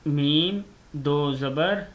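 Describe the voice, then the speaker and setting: A man's voice: a little high, drawn-out words. A man teaching a children's reading lesson, drilling syllables one by one and drawing out each sound patiently. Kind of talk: slow spelled-out reading lesson. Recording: dull lo-fi recording.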